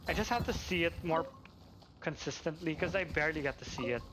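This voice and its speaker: With a slightly high voice and a brisk delivery, a man streams a game from home, chatting casually and musing aloud as he plays. Video game music sounds behind him, and there's noise in the background.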